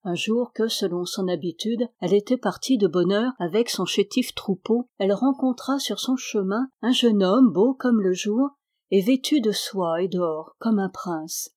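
A woman reads an old folk tale aloud in a calm, measured storybook manner. Her voice is warm and mellow, pitched in a middle register. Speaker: narrator. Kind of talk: storybook reading.

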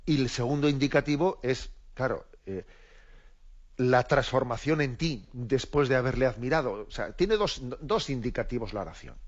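Male clergyman from Spain, reflective radio teacher, mid pitch, dull lo-fi sound. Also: lively intonation, normal speed. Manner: reflective, repeats words, checks in with "¿eh?". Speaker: bishop teaching the catechism. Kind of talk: radio catechism lesson.

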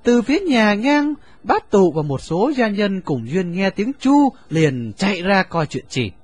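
A man narrating a story in an expressive, lively reading. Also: high voice, unhurried, breathy edge, no echo.

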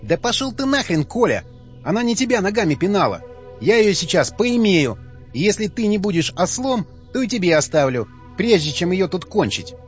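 A man's voice: high-pitched, big pitch swings, normal speed, soft background music, pitched above the performer's own voice. A man voicing a crude, foul-mouthed young scavenger in an audiobook, with a coarse, aggressive delivery. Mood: angry sneering. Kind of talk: audiobook character voice. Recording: dull lo-fi sound.

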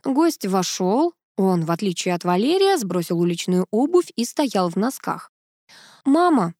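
A woman narrating a first-person audiobook in an even, measured reading. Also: mid-range voice, dry recording, clean studio sound.

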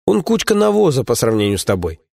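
A man's voice: medium pitch, wildly swooping pitch, quick pace, vocal fry, a little mellow, dry recording, studio quality, voice pushed up, exaggerated voice. A man voicing a fierce, cocky young woman warrior, spirited and scornful.

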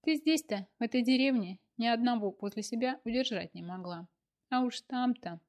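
A woman's voice: fairly high pitch, normal speed, darkish tone, voice pushed up, natural voice. A woman voicing a chatty, bossy young woman who teases her friend and keeps interrupting. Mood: teasing. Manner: pushy, teasing, interrupting.

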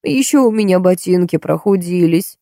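A woman's voice: on the low side, lively intonation, normal speed, vocal fry, mellow, no room sound, studio quality. A woman reading an audiobook, voicing a whining, begging old woman with a cracked, tearful voice. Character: whiny, wheedling old woman, a drinking pensioner.

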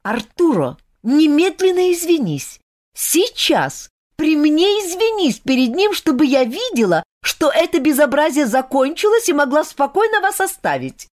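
A woman voicing an indignant young woman who scolds in a high, pleading voice. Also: wildly swooping pitch, a little slow, full character voice.

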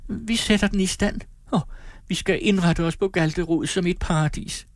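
A man's voice: on the high side, husky, no echo, clean studio sound, voice pushed up. A man reading an old novel aloud, voicing a hopeful young woman who pleads eagerly with her parents. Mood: pleading hopeful.

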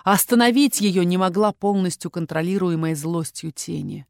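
A woman narrating a first-person fantasy romance audiobook in a steady, intimate reading. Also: lowish voice, normal speed, vocal fry, no room sound, studio quality.

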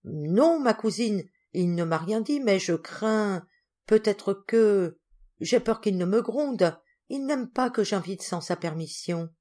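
A woman's voice: medium pitch, lively intonation, slow pace, mellow. A woman voicing an eager, timid little girl who speaks in a pleading way in a storybook reading.

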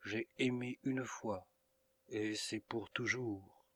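A man's voice: on the low side, fairly even intonation, takes it slowly. A man reading the lines of an earnest young woman in love, in a pleading, emotional audiobook reading. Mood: tender.

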